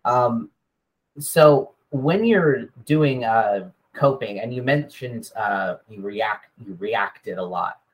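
A man's voice: mid-range voice, takes it slowly, husky, rough recording. A man hosting a podcast, asking meandering, searching questions. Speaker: podcast host. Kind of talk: casual podcast interviewing.

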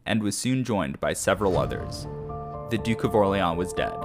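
A man hosting a history podcast, telling the story in a measured, scripted narration. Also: low-pitched, expressive, over music. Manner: measured storytelling, briefly acting out shouted quotes.

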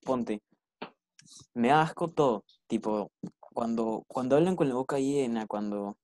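A man's voice: mid-range voice, unhurried, darkish tone. Man, podcast co-host, blunt and direct, keeps things on topic. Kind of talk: casual chat.

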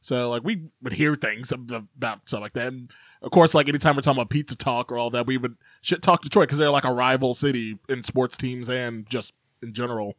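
A man's voice: mid-range voice, a little fast, a bit bright, dry recording. Rambling young man on a dry mic. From Chicago, United States. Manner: rambling, filler-heavy, laughs easily. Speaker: podcast co-host. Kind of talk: casual chat.

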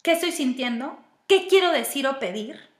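Woman, Mexican Spanish accent, self-help talk, rhetorical questions, high voice, echoey room. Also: animated, normal speed. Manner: asks herself questions aloud, step by step. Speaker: speaker giving personal-growth advice. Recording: roomy echo.

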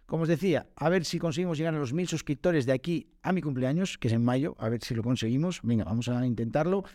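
A man's voice: medium pitch, fast talker, mellow, dry recording. Chatty man, dry close sound. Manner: chatty, informal, with filler sounds and self-corrections. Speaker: podcast host and Spanish teacher. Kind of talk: casual solo podcast answering listener questions.

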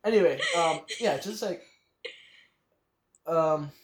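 A man's voice: on the high side, slow. A young man in his late teens co-hosting a casual podcast chat, rambling with lots of fillers and restarts. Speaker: podcast co-host. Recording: roomy echo.

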